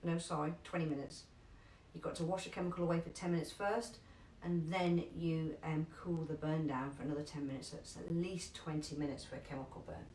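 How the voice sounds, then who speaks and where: Female first aid instructor, London accent, chatty, stresses steps slowly; roomy, distant sound. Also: low-pitched, steady tone, mellow, slight background noise. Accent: London English. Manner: chatty, emphatic, repeats key instructions slowly. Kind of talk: live online first aid class. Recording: echoey room, distant from mic.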